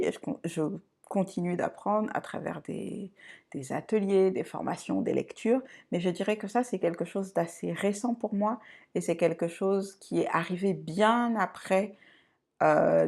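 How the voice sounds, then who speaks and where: A woman from Côte d'Ivoire and France hosts a personal introduction vlog, her voice low-set and strongly gravelly with vocal fry. She talks in a reflective, unhurried manner and often pauses to find her words. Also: a little mellow. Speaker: channel host.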